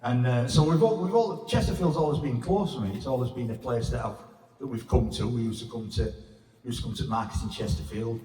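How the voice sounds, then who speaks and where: A man's voice: medium pitch, a little fast, mellow, slight background noise. Sweary Sheffield man in his fifties. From England. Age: 50s. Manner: blunt, sweary, rambling storytelling. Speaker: stand-up comedian. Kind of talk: stand-up comedy set. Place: pub function room. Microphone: stage mic with reverb. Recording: echoey reverb room from far off.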